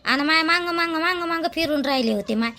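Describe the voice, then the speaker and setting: Brief: an exclaiming, bright-voiced gossipy wife, Vidarbha Marathi accent, high pitch. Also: female voice, fast talker. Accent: Marathi, Vidarbha dialect. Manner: excitable, exclaiming. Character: excitable married woman gossiping about her husband.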